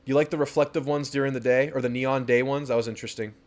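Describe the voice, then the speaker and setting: Upbeat young male streamer, casual and chatty, reads out chat and greets viewers, average pitch. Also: steady tone, quick pace. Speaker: host of a fan sports livestream. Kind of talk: casual livestream chat reading viewer comments.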